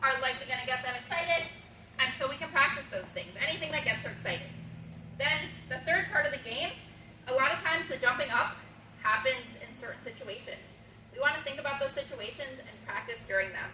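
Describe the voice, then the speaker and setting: Woman dog trainer, high bright voice, upbeat and instructive, roomy distant sound with faint room hum. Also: a little fast. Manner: upbeat, instructive, bursts into high-pitched baby talk for the dog. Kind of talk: training demonstration. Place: room in a home.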